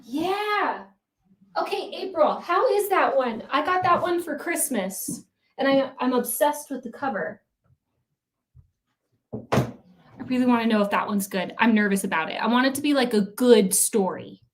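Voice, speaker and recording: Young woman chatting on a reading stream, bit higher voice, playful trash talk. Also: lively intonation, unhurried, pauses often. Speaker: streamer hosting a reading sprint. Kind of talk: casual livestream chat reading viewer comments.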